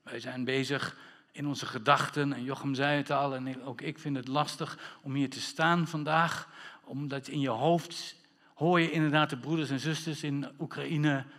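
A man's voice: medium pitch, moderate pace. A man preaching a sermon as pastor, playful with wordplay and calling for amens from the congregation. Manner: lively, playful wordplay, calls for amen. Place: church hall. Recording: reverberant church hall.

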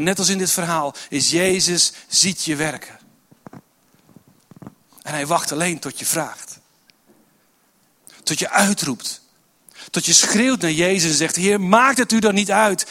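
A man preaching a sermon in a church service, earnest and repetitive, dropping to a soft voice for prayerful lines. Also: on the high side, expressive, normal speed, long pauses.

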